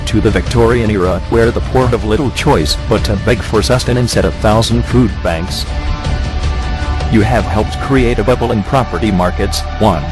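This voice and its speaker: Disguised deep male voice, low-pitched, over a music bed; flat, accusing protest statement. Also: normal speed. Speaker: activist spokesperson. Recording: clear music bed behind the voice.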